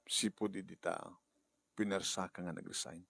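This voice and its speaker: A man playing a firm but fair middle-aged company boss in an audio drama, speaking with steady authority. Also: low voice, moderate pace, vocal fry, soft background music. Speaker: storyteller and voice actor.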